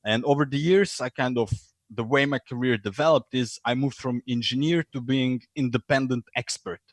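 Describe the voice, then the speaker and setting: A man with a Croatian accent talks as a podcast guest, stopping often with fillers and restarting his sentences. His voice sits at a middling pitch, and the recording is close and dry with no room sound. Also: normal speed, dry recording. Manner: hesitant, many fillers and restarts, acts out voices in stories. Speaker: podcast guest, lean and innovation consultant. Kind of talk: conversational interview.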